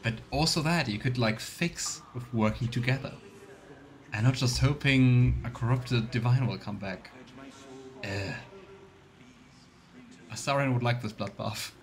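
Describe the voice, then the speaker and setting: A man offers casual, musing let's play commentary on a role-playing game in a wry, sardonic manner while game music plays. His voice is mid-range and unhurried, with frequent pauses.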